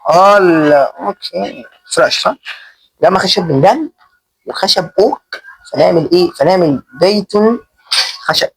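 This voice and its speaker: Breathy Egyptian man narrating his gameplay. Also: high voice, animated, moderate pace, long pauses, no room sound, low-quality recording. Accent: Egyptian Arabic. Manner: chatty, self-mocking, panicky yelps when attacked. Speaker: gaming channel host. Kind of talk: casual Minecraft let's play commentary.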